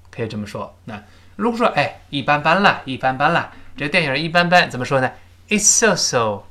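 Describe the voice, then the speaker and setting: A man teaching spoken English in a recorded lesson, explaining each phrase and then reading it slowly for repetition. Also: medium pitch, fairly bright tone.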